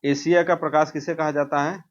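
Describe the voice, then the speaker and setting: A man with a somewhat high voice and flat delivery moves fairly quickly through an informal exam-prep lesson. He poses quiz questions and answers them himself, and the audio is dull, muffled and lo-fi.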